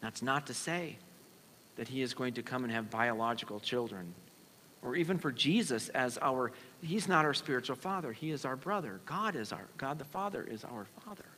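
A man preaching a sermon as pastor, earnest and measured, pausing and restarting as he explains scripture. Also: medium pitch, expressive, pushed and bright, a little hiss or hum. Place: church sanctuary. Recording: long church reverb.

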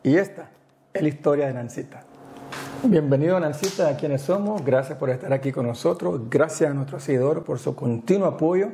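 A man's voice: fairly high pitch, brisk, gravelly, a little hiss or hum. A middle-aged man hosting a studio interview, chatty and friendly, asking questions and now and then slipping in an English word. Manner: warm, chatty questions with a little English mixed in. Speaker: interview host. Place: small indoor studio, seated. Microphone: lapel mic.

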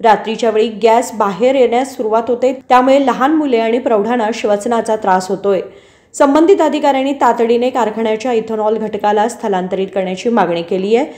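A woman narrating a scripted news report in a steady, formal reading voice. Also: fairly high pitch, moderate pace, reverberant.

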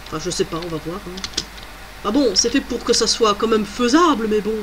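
A woman's voice: mid-range voice, expressive, a little fast, background noise. A woman doing let's play commentary, chatty and exclamatory, thinking aloud as she plays. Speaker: gamer.

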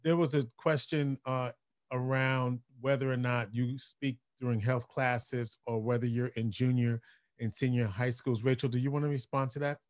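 A middle-aged man moderating a panel on a video call, speaking in a measured, thoughtful way with some restarts, using a headset mic. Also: mid-range voice, steady tone, no room sound, studio quality. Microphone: headset with boom mic on a video call.

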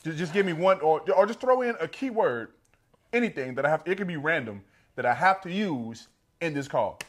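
A man's voice: on the high side, expressive, brisk. A man from Texas with a Texan accent, hosting a podcast in casual, slangy banter. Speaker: podcast host. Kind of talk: casual chat.

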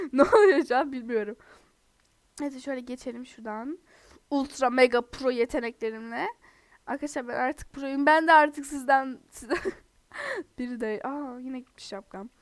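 A woman's voice: high-pitched, fairly bright tone, dry recording. A young woman who is sick, giving chatty, giggly gameplay commentary to her viewers. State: sick, under the weather. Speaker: gaming video host.

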